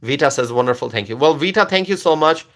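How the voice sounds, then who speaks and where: A Bangladeshi man whose first language is Bengali hosts a political livestream in a slightly high, very bright voice, animated and fast. He's repetitive and emphatic, hammering points home, checking in with viewers by asking "okay?", and answering chat questions.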